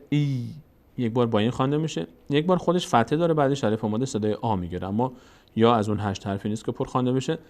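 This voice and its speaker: A man teaching Quran reading, explaining each letter and vowel mark, then chanting the verses slowly to show the right sound. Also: medium pitch. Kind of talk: recitation lesson.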